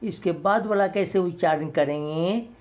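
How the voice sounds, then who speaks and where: A man teaching a recorded primary school lesson, deliberately saying each letter twice so young pupils can copy it. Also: high-pitched. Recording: dull lo-fi recording.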